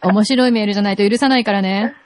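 A woman's voice: medium pitch, racing, no room sound. A woman co-hosting a podcast, bossing and scolding a caller in a playful mock-dominatrix queen act. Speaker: podcast co-host.

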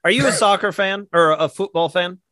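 A man with a high, bright voice hosts a casual podcast. He is eager and quick to laugh as he moves the talk along, recorded dry and close to the mic. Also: no room sound. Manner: eager, laughs often, leads the discussion. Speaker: podcast host.

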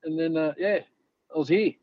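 Middle-aged Australian male guest, easygoing rambler, slightly high voice, dry close sound. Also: normal speed, no room sound. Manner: rambling, laid-back, lots of "you know". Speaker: former rugby league player, guest. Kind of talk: casual interview storytelling. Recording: slightly dull lo-fi audio.

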